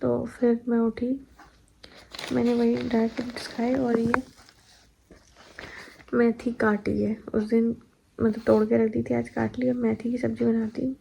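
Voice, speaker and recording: A woman's voice: a little high, monotone, a little slow, creaky, long pauses, warm tone, a little hiss or hum, rough recording. A young pregnant woman chatting at home about her day, tired and laughing now and then as she tells stories. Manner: chatty, laughing, recounting daily life. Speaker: vlogger. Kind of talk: casual chat.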